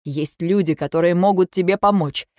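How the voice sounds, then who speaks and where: A woman voicing a worried young husband who speaks softly, low and insistently. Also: moderate pace, no room sound, studio quality, natural voice. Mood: firm. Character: worried young husband, gentle but firm.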